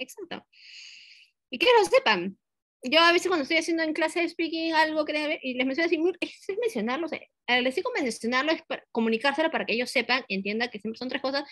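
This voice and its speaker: A woman who teaches English runs a training session for fellow teachers, walking through a lesson step by step, often ending points with tag questions and mixing in English teaching terms. Her voice is high, bright and forceful, in a dry recording.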